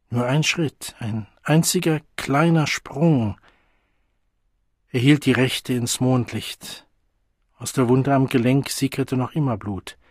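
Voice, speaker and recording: A male audiobook narrator telling the story in a measured, dramatic way. His delivery is slow and his voice is husky. The recording is dry and close. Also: medium pitch, dry recording. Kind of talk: scripted narration.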